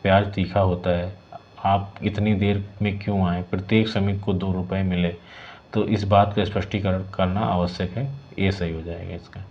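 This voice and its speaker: Man, very low voice, exam tutor, repeats words slowly, dull lo-fi recording. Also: flat delivery. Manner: repeats words slowly, adds "ठीक है" checks. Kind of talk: explaining exam questions, partly reading options. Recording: dull lo-fi sound with faint hiss.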